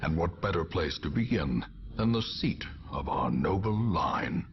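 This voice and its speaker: A man voicing a grim, weary old narrator in a gothic dungeon game, speaking in a deep, grave, measured way. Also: big pitch swings, slight background noise, full character voice. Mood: solemn. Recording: dull lo-fi game audio playback.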